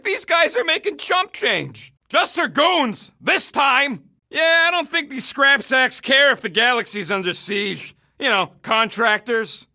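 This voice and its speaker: A small, cocky raccoon mercenary from a video game. The voice sits high and swings widely in pitch, with a bright, punchy bite and a rough street-tough edge. He is irritable and sarcastic, tossing out brash, slangy barks. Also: heavily acted. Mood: taunting, agitated.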